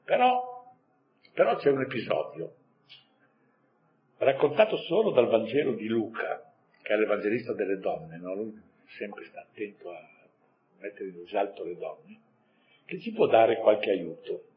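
A man's voice: fairly low pitch, lively intonation, a little slow, pauses often, highs cut off. A man giving a catechism lesson in a conversational way, adding rhetorical asides and chuckling now and then. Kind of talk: catechesis talk.

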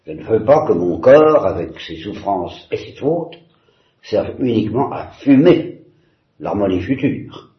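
A man's voice: on the low side, big pitch swings, unhurried. A man reading a novel aloud, voicing a bitter, tormented young man who swings from wry irony to anguished outbursts. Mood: anguished, ironic. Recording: roomy, slightly dull.

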